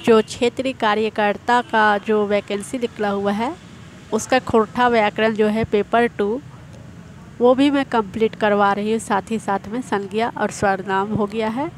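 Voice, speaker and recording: A woman speaking at an unhurried pace in a mid-pitched voice, teaching an exam-prep grammar lesson. She explains step by step and repeats each example. Faint background noise and distant traffic sit behind her voice. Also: fairly even intonation.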